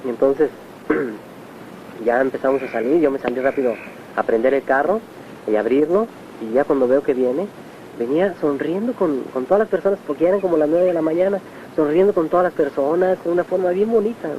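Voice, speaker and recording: A man's voice: fairly high pitch, brisk. A Mexican man with a slightly raised voice tells a personal story and acts out the lines of the people in it. The old tape sounds dull and muffled. A faint hiss runs underneath. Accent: Mexican Spanish. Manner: storytelling, acts out quoted speech. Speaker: personal assistant recounting memories. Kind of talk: personal testimony.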